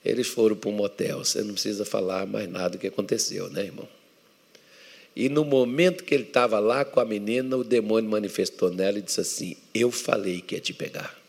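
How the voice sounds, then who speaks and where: A Brazilian male pastor preaches with a gravelly, textured voice in a church hall. He swings from loud emphatic declarations to hushed, close storytelling. A long reverb trails behind his words. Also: fairly low pitch, a little fast. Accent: Brazilian Portuguese. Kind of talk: sermon.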